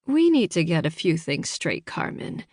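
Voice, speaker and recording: A woman's voice: lowish voice, very animated, normal speed, darkish tone, slightly rough, dry recording, clean studio sound. A woman voicing a curt, no-nonsense grandmother in an audiobook. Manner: curt, dismissive. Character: blunt grandmother, cold and no-nonsense.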